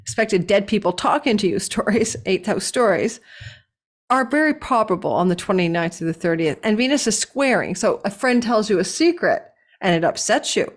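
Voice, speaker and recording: Recorded indoors at a relative's home, a hoarse-voiced woman hosts a relaxed, wandering horoscope reading at medium pitch. Every so often she laughs at herself.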